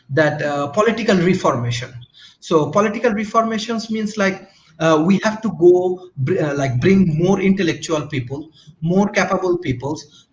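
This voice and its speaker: A man from Bangladesh talks through an online panel in a fairly high voice. He hesitates and restarts often. His call sounds roomy and dull. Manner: hesitant, many restarts and fillers. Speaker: panel guest.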